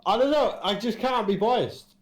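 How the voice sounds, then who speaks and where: A man's voice: high voice, expressive, takes it slowly. A laid-back, blunt young man in a casual chat with friends, heard through an echoey room with clicks and noise. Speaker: podcast co-host.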